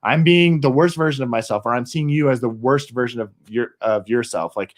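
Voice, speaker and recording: Male course co-host, mid pitch, casual, animated, does voices in his stories. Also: brisk. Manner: animated, acts out quoted voices in anecdotes. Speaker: podcast host and marriage course teacher. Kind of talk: casual teaching talk.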